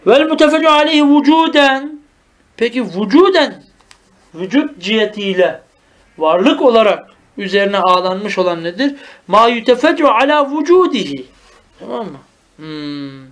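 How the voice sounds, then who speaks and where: A man teaching a traditional madrasa-style Arabic grammar lesson. He explains the text line by line, often asks "tamam mı?", and reads Arabic phrases slowly. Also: high-pitched, very animated, fairly bright tone.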